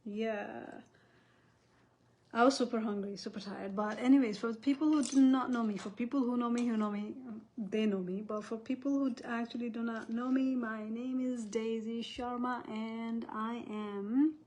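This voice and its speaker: A woman's voice: a little high, fairly even intonation, moderate pace, a little mellow. A woman in her thirties from Nepal, hosting a casual livestream in a chatty, rambling way, often restarting sentences. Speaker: host.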